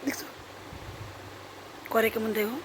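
Young woman, high voice, casual vlog chat, soft cooing baby talk, faint background hum. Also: fairly even intonation, measured pace. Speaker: vlogger minding a baby.

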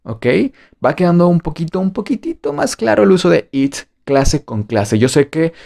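A man's voice: fairly high pitch, very animated, moderate pace, gravelly, mellow. A man with a Mexican Spanish accent teaching a beginner English lesson online, playful and jokey, drilling phrases by repetition.

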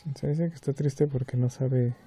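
A woman's voice: rumbling low, steady tone, normal speed, warm tone, soft background music. A woman with a Mexican accent giving laid-back, slangy late-night vlog commentary. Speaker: vlogger.

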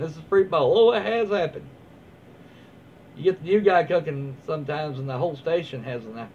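A man with a medium-pitched, slightly mellow voice reads stories and chats about them casually, folksy and easygoing as he rambles. He's in a small room at home, and the lo-fi audio sounds dull with noticeable background noise.

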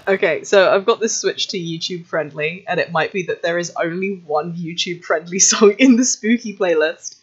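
A woman's voice: on the low side, normal speed, husky, lo-fi sound. A woman chatting casually to her viewers while she draws on a livestream, laughing often and reacting to their comments. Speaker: art streamer. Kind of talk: casual chat while drawing on stream. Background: faint background music.

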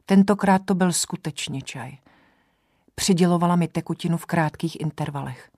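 Low-voiced woman narrating a novel. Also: a little mellow, no echo, clean studio sound. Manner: measured first-person storytelling. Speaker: audiobook narrator.

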